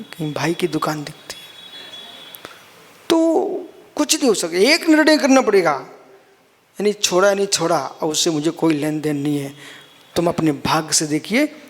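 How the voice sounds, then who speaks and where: A man's voice: on the high side, moderate pace, slightly rough, long reverb tail. A man, a Jain monk, giving a sermon, explaining scripture line by line and calling his listeners son and brother.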